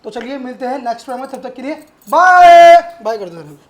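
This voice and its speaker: Fast-talking young man joking around. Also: extremely high pitch, lo-fi sound. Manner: teasing, animated. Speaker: vlogger. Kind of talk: casual prank vlog. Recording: echoey room.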